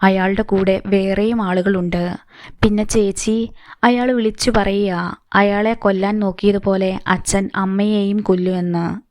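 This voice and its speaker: A woman voicing a teenage younger sister, explaining in a hurried, worried way. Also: medium pitch, steady tone, a little mellow, no echo, lightly acted.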